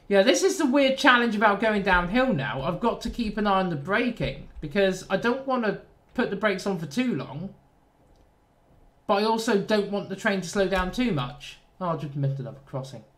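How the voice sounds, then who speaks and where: This train sim YouTuber from southern England has a nasal accent and a fairly bright voice that sits high. He narrates a train simulator run in casual, rambling chat, joking at his own expense with plenty of asides.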